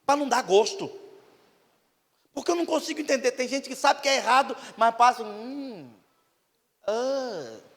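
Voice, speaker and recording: A man with a Brazilian Portuguese accent preaching a lively, humorous sermon, acting out little scenes with voices and bursts of shouting. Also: extremely high pitch, fast, creaky, pauses often. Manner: acts out voices of congregants and demons, shouting bursts. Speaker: pastor. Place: large church hall. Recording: reverberant church hall.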